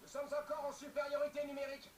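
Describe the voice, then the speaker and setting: A man's voice: very high voice, monotone, quick pace. Distant echoey military man. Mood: strained, urgent. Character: military commanders and soldiers, urgent, stern adult men. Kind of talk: military video game dialogue, radio briefing. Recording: distant, echoey, noisy game playback.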